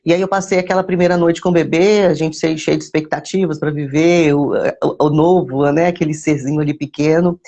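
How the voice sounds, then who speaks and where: A woman with a gravelly, creaky edge tells a personal faith testimony in casual storytelling fashion. She circles back over words and phrases to stress them. Now and then she greets her live viewers by name. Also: deep voice, fairly even intonation, fairly quick, dark tone. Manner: repeats words and phrases for emphasis.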